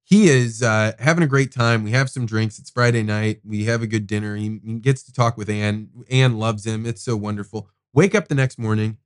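A man's voice: fairly low pitch, moderate pace, hardly any pauses, clear, resonant tone, no echo. Man telling a story in a dry studio. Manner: animated, swears casually, acts out quoted people. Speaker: podcast host. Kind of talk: casual storytelling in a podcast interview.

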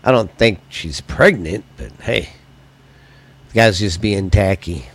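Speaking slowly in a low, slightly rough voice, this American man runs a solo podcast full of loose, blunt, profane comedy talk. His voice comes across a bit weak and stuffy.

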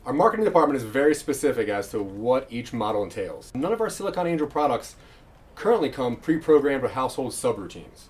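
A man's voice: mid-range voice, very animated, fast talker, lightly acted. A man playing an officious customer service agent with weary, exasperated politeness on a comedy phone call. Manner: formal, hesitant, exasperated politeness. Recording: faint background noise and ambience.

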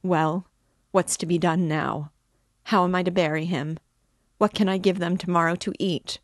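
A woman's voice: on the low side, steady tone, normal speed, no room sound, studio quality, natural voice. A woman voicing a desperate, consumptive poor wife who speaks in bitter, frantic outbursts. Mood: despairing.

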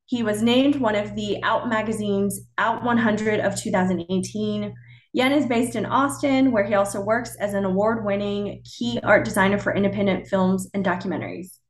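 Woman podcast co-host, mid-pitched, casual and conversational, recorded in an echoey room. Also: steady tone, normal speed. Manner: conversational, with restarts and fillers.

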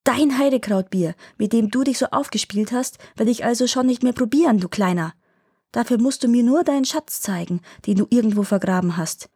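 A woman voicing a greedy, eager young peasant lad in a storybook fairy tale, exclaiming excitedly. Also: fairly high pitch, fairly quick, slightly rough, no echo, studio quality. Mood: threatening.

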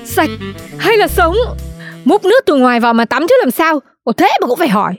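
A woman's voice: high voice, sing-song, brisk, faint music behind. A woman voicing a bossy, superstitious middle-aged shopkeeper mom in a cartoon, scolding and melodramatic. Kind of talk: cartoon voice acting.

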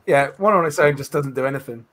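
A man's voice: medium pitch, quick pace, fairly bright tone. A man chatting casually as a player in a tabletop roleplaying game.

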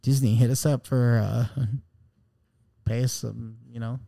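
A man's voice: medium pitch, little pitch movement, unhurried, creaky, mellow. A man co-hosting a podcast, chatting casually in a laid-back, easygoing way. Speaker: podcast co-host. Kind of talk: casual chat.

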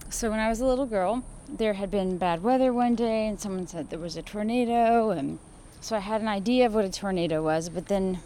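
A woman's voice: mid-range voice, normal speed, mellow, a little hiss or hum. A woman chatting on an evening walk, a playful storyteller who laughs often and sings silly made-up rhymes. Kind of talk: casual chat on a walk.

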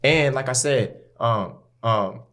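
A man's voice: medium pitch, takes it slowly, fairly bright tone. An American man talking in a casual, candid chat, using lots of slang and conversational filler. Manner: slangy, candid, peppered with "bro" and "you know". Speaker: musician, rapper. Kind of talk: casual podcast-style chat.

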